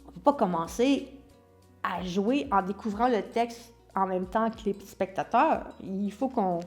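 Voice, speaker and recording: A woman's voice: medium pitch, measured pace, a little mellow. Woman acting coach, Québécois accent, online lesson, explanatory and demonstrative, light background music. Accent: Québécois French. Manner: explanatory, demonstrates stress by example. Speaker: acting teacher.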